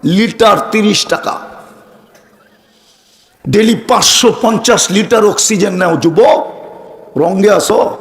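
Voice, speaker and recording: A man preaching a sermon, fervent and full of rhetorical questions put straight to his listeners. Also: sits high. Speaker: Islamic preacher. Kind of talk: sermon to a live audience.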